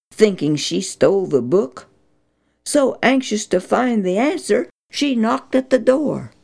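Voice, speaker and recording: A woman narrating a children's Bible story, reading slowly and with expression. Her voice rises and falls a great deal and has a strongly gravelly, creaky texture. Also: fairly low pitch, darkish tone.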